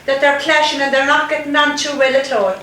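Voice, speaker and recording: High-voiced west of Ireland woman, echoey room. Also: fairly even intonation, a little fast, fairly bright tone. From Galway, west of Ireland. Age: middle-aged. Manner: exclamatory, chatty, sprinkled with 'love' and 'God'. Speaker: nurse, hostess at home. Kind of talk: casual family kitchen chat. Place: home kitchen, indoors. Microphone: camcorder across the table. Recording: echoey noisy home camcorder, distant mic.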